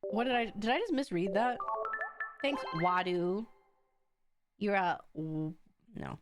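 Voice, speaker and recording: A woman livestream host chatting casually with viewers in a playful, campy, slangy and very expressive way. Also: medium pitch, slow pace, faint music behind. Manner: expressive, exclaiming and drawing out words. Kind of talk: casual livestream chat while opening card packs.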